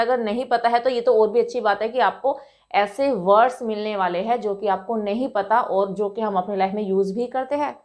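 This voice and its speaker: A woman teaching English vocabulary to Hindi speakers, explaining patiently and often checking with "right?", saying example sentences slowly. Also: medium pitch.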